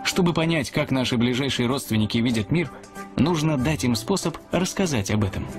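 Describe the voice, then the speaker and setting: Male documentary narrator, mid-pitched, scripted read with clear music behind. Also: expressive, brisk.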